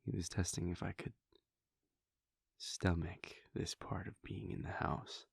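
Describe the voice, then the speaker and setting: A man takes on a brooding, weary vampire prince in an intimate audio roleplay, murmuring a soft, confiding monologue in a low husky whisper with a full character voice. The intonation is fairly even and the pace measured, with a reflective mood and clean studio sound without echo.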